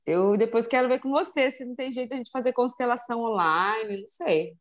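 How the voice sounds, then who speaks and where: A woman leading a group conversation, thanking a participant in a relaxed, friendly way. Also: on the high side, fairly quick. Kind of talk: casual group chat.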